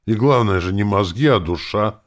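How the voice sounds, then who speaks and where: A man's voice: lowish voice, expressive, normal speed, voice pushed up, lightly acted. A man voicing a blunt, sarcastic, hot-tempered young male hero in an audiobook. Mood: indignant.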